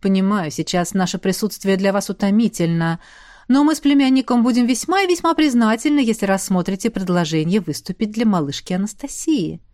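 A woman voicing a sly older man, a scheming security chief with a smooth, ingratiating manner. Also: mid-range voice, a little fast, a little mellow, no echo, clean studio sound, natural voice.

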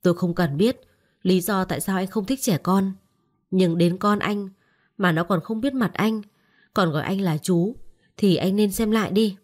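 A woman's voice: medium pitch, moderate pace, a little mellow, lightly acted. A woman voicing a blunt, feisty young country wife in an audio story. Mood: defiant. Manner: blunt, defiant.

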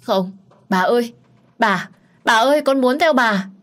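A woman's voice: fairly low pitch, unhurried, lightly acted. A woman voicing a frightened young wife who cries and pleads in a nightmare. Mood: sobbing, pleading.

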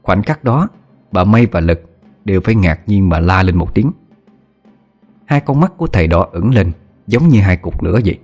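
Man, horror story narrator, low voice, steady, faint music behind. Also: moderate pace, pauses often. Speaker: audiobook narrator.

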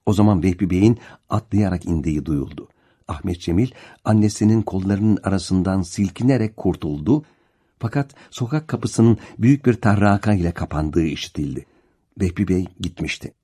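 A man's voice: sits low, normal speed, warm tone, husky. A man narrating a novel as an audiobook, with a dramatic, varied delivery. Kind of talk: expressive literary narration.

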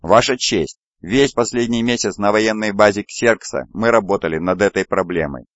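A man's voice: fairly low pitch, moderate pace, a bit bright, dry recording, dull audio, lightly acted. A man voicing a polite, formal male space navy captain addressing the court.

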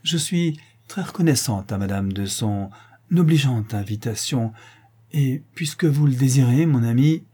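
A man's voice: mid-range voice, lively intonation, a little slow, warm tone, slightly rough. A man reading the part of a timid, anxious young wife who hesitates and falters in a storybook reading.

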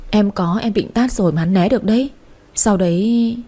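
A woman's voice: mid-range voice, expressive, mellow, close to an everyday voice. A woman voicing a heartbroken young man who cries and stammers as he talks, in a storybook reading. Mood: tearful. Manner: stammering, whimpering, hurried. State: crying.

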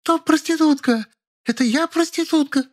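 Guy putting on a screechy squabbling young woman, way up high, yelling everything. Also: moderate pace. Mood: shrieking, furious. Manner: screeching, shrieking insults. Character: shrill brash young woman, quarrelsome lodger.

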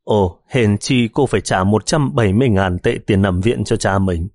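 A man's voice: on the low side, moderate pace, darkish tone, no room sound, studio quality. A man doing a cocky street-wise young cop. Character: cocky young male gangster turned cop.

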